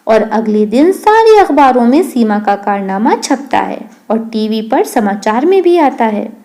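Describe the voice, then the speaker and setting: A woman narrating a children's story in a lively, explaining way. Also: a little high.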